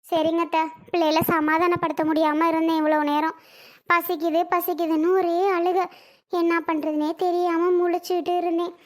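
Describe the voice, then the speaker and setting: A struggling mother in a family drama, played by a woman, weary and grateful. She speaks in a very high voice at an even pace. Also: normal speed. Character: struggling poor mother thanking her mother-in-law.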